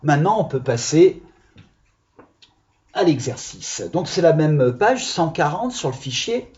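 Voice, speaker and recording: A man's voice: on the high side, big pitch swings, a little mellow, lo-fi sound. Patient man teaching young children. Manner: slow, patient, spells out syllables. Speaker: primary school teacher. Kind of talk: remote lesson for young children.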